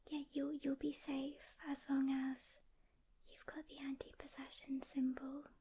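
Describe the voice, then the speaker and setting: A woman playing a calm, caring demon hunter whispers gently to a rookie in an ASMR roleplay, pausing as she reassures them. She's close to the mic, her voice sits high, and slight background noise can be heard.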